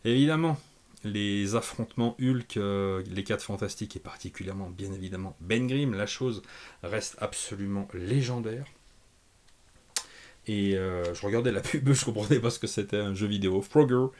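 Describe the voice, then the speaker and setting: Excitable, low-voiced man unboxing comics. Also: normal speed. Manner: enthusiastic, thinks aloud with many fillers. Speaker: comics channel host. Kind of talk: casual unboxing commentary.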